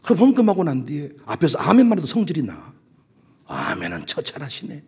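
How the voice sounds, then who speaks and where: A man preaching a sermon as pastor, with a Jeolla dialect, moving between loud emphatic calls and soft asides. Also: fairly high pitch, huge pitch swings, brisk, breathy edge.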